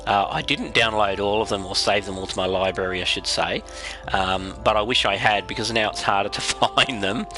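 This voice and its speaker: Raspy Australian man with a head cold. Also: lowish voice, moderate pace, bright, forceful tone, soft background music. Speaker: game livestream host. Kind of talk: casual livestream commentary.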